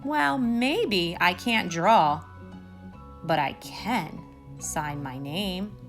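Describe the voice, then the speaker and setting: A woman's voice: on the low side, expressive, very slow, fairly bright tone, soft background music, exaggerated voice. A woman reading the part of a determined young schoolgirl painter in a storybook, expressively. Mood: unsure. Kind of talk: storybook read-aloud.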